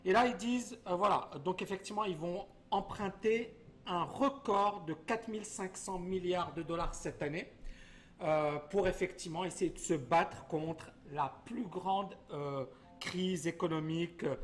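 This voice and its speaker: A man's voice: high voice, a little slow, slight background noise. A man hosting a live teaching stream, quizzing his viewers and explaining things in plain terms. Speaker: investment educator, host.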